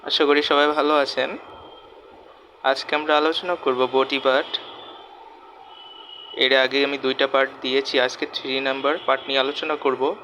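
A man teaching a vocabulary lesson, saying each word and its meaning twice in a slow, repeating way. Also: mid-range voice, level tone, bright, forceful tone, a little hiss or hum, poor audio.

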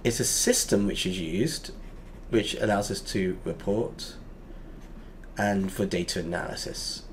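A man teaching a lesson over a whiteboard drawing, explaining step by step and pausing often with fillers. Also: on the low side, slight background noise.

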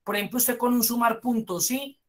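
A woman's voice: fairly high pitch, a little fast. A woman teaching a spreadsheet course online, explaining step by step and praising her students.

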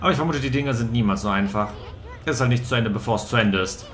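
A man's voice: medium pitch, racing, fairly bright tone, reverberant. A man co-commentating on a game stream in casual chat. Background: game music.

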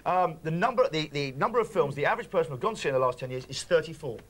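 High, animated male TV host. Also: very fast. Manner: playful, exclamatory, laughing often. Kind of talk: lively studio game segment. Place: TV studio with audience. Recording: loud studio crowd. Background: crowd.

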